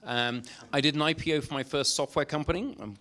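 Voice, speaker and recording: A man's voice: on the high side, fast, pushed and bright. A man, an academic and founder introducing himself on a conference panel, breezy and casual. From England.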